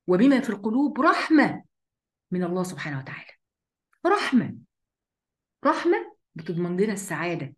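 A woman with an Egyptian accent giving a religious lesson, speaking straight to a female listener and acting out the worries and replies she imagines. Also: mid-range voice. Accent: Egyptian Arabic. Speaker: religious teacher.

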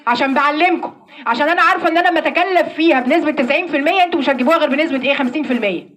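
An Egyptian woman teaching Quran recitation to a class, asking questions and answering them herself, and slowly demonstrating verses. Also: sits high, fairly bright tone. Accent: Egyptian Arabic. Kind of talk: classroom lesson.

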